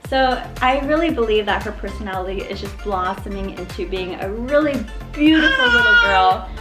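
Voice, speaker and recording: Over music, a young mom vlogger chats from her living room with a cheerful update on her baby, calling her viewers "you guys." Her medium-pitched voice has lively intonation and a moderate pace, and she stays upbeat and talkative, now and then imitating baby sounds.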